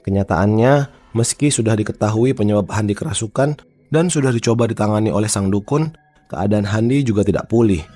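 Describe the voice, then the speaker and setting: A man narrates a scripted horror story like a horror host, in a measured and formal manner. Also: lowish voice, warm tone, no echo. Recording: faint music under the voice. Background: faint background music.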